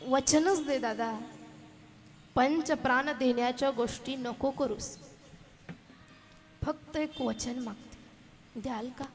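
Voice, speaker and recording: A woman voicing a grieving mother who speaks softly and tenderly to her son. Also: high voice, measured pace, faint music behind. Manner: soft, tearful, tender. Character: grieving mother, gentle and resigned.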